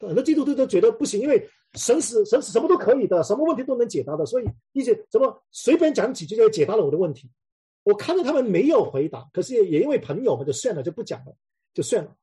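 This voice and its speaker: A man's voice: high voice, very animated, fast talker, mellow, breathy edge. A man preaching in a conversational way, telling anecdotes and often repeating words as he restarts his sentences.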